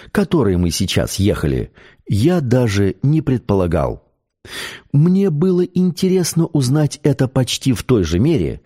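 A man narrating an audiobook in a measured, expressive storytelling manner. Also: lowish voice. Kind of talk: scripted narration.

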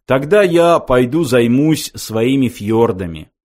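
A man's voice: mid-range voice, animated, takes it slowly, a little mellow. A man voicing a fussy, indignant old man. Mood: surprised. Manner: polite, easily offended, impassioned. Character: fussy, proud old man, a planet designer.

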